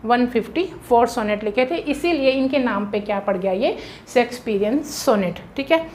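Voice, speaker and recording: This is an Indian woman with a high voice teaching an exam-prep lesson. She explains patiently and pauses often to check that her students follow. When she drills rhyme schemes, she spells them out slowly, letter by letter. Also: animated, a little mellow, slight background noise.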